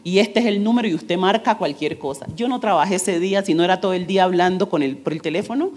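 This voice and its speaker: A woman's voice: lowish voice, quick pace, darkish tone. Earnest woman giving testimony. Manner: earnest, speaks directly to the congregation with rhetorical questions. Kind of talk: church testimony sermon.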